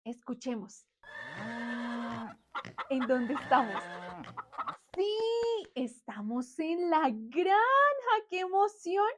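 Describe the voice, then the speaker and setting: A woman's voice: sits high, big pitch swings, extremely slow, long pauses, noisy background. A young woman teaching small children in a cheerful, exaggerated sing-song manner, and sometimes imitating animal sounds.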